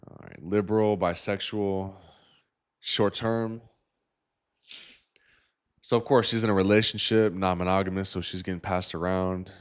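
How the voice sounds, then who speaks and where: A man's voice: sits low, fairly even intonation, unhurried, pauses often, clear, resonant tone. A man hosting a dating-profile review, talking in a sarcastic, preachy, ranting way. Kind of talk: reaction commentary.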